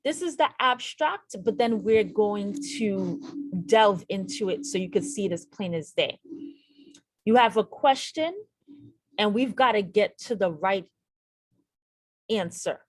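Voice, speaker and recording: Leading a nursing exam lesson over screen share, this woman talks straight to her viewers and repeats the important points to drive them home. Her medium-pitched voice is animated yet unhurried, with frequent pauses, and there's no room sound.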